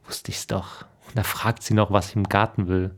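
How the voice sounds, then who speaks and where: A man's voice: fairly low pitch, level tone, brisk, close to an everyday voice. A man voicing a fussy, grumbling older husband who keeps fretting about his garden pool in a storybook reading. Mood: muttering.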